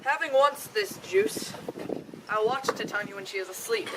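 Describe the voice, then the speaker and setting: A woman's voice: on the high side, big pitch swings, moderate pace. A woman playing a jealous, commanding male fairy king in hammy, declamatory Shakespearean stage style. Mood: scheming, imperious. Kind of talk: theatrical Shakespeare stage performance. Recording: noisy live stage, distant microphone.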